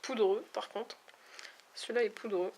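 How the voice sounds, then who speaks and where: A woman's voice: medium pitch, steady tone, normal speed, darkish tone, slight background noise. Chatty woman swatching makeup. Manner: chatty, hesitant, many fillers. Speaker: beauty vlogger. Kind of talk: casual makeup swatch review. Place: at home, near a window with backlight.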